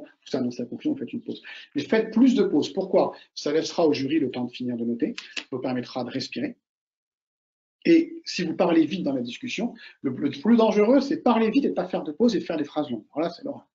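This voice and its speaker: A man, an author and oral exam coach, giving casual, animated advice and repeating his key points straight to the listener. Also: mid-range voice, muffled recording. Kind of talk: casual advice talk to students.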